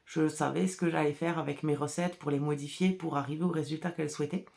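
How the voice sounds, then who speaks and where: Talking fast in a deep, gravelly, slightly mellow voice with fairly even intonation, a hand-dyer and shop owner hosts a casual podcast chat. She has a regional French accent, laughs a lot, and discusses the colours she dyes her yarn.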